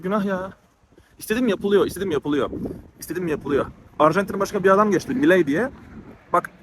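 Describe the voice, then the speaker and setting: A man vlogging as he walks through a small town, out of breath and talking in a heated, ranting way that often repeats itself. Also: high voice. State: out of breath from walking. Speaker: travel vlogger. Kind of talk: walking vlog monologue. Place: outdoors on town streets. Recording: noisy outdoor street recording.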